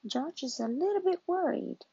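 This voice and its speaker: A woman reading a children's storybook aloud in a slow, gentle manner, on a dull lo-fi recording. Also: very high voice, animated, dry recording.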